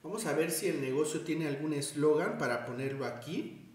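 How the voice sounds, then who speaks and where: Man, tutorial, chatty, self-correcting, slightly high pitch, heavy room echo. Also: normal speed. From Mexico. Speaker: design tutor. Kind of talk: screen-recorded tutorial. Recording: very echoey room.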